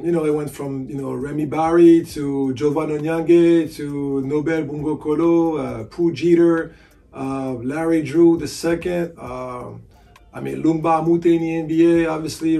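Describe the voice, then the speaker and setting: A French man in his forties, a sports agent and basketball analyst, sits in a hotel room casually answering interview questions with plenty of "you know" fillers. His voice is a little high and gravelly with a dark tone, and it's recorded from a distance.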